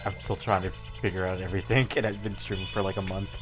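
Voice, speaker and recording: A man with a lowish voice joins a game stream, dropping brief, easygoing comments. Faint game music sits behind him. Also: little pitch movement, quick pace. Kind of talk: casual chat while gaming.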